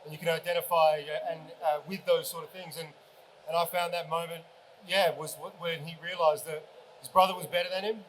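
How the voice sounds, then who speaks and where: A man's voice: fairly high pitch, fairly even intonation, a little fast, fairly bright tone, a little hiss or hum, poor audio. A man on a convention panel giving rambling answers full of restarts.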